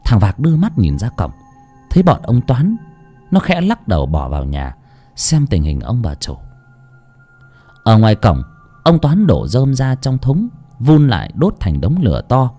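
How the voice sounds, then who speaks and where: A male storyteller reads a ghost story in a dark, mellow voice. His reading is expressive and dramatic, with a lively, swinging pitch. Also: a little slow, soft background music. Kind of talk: scripted audiobook narration of a ghost story.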